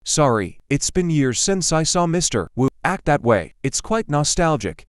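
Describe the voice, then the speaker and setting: An actor voicing a composed, teasing young master in a romance comic. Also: male voice, fairly high pitch, very animated, measured pace, dry recording, studio quality. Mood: amused. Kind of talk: dubbed comic dialogue.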